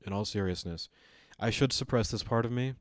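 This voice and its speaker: Low voiced guy streaming, joking around with his chat between clips, dry close mic. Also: brisk, dry recording. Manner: joking asides, talks to chat. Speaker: streamer reacting to a lecture. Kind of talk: casual reaction commentary.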